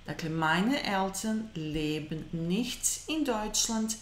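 In a webcam-recorded online German lesson, a thirtysomething woman with a mid-range voice and lively intonation reads example sentences slowly and carefully. Between them she explains in quick asides. The sound is roomy, with a bit of hiss or hum.

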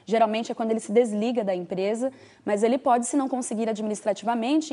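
A woman's voice: on the high side, darkish tone. A woman explains social security law. She speaks as a patient legal adviser on a TV call-in segment and fills her sentences with small "né" and "é" tags. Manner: explanatory, patient, with frequent "né" and "é" fillers. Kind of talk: TV call-in advice answers.

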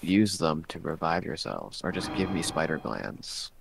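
Very deep, gravelly voice-changer voice. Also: male voice, sing-song, measured pace, noisy background. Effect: voice changer making the voice deeper. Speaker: game player. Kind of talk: casual chat while playing a video game.

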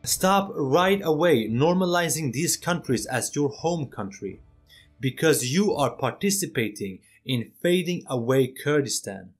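A man's voice: a little high, expressive, unhurried, slightly rough, faint music behind. A man hosting an opinion video as a voice-over, earnest and persuasive, speaking straight to his viewers. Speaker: channel host.

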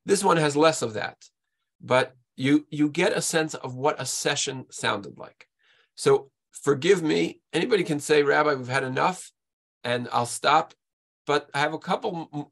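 A man, a rabbi, giving a slide lecture in a halting way, often repeating words as he goes. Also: medium pitch, creaky, slightly rough.

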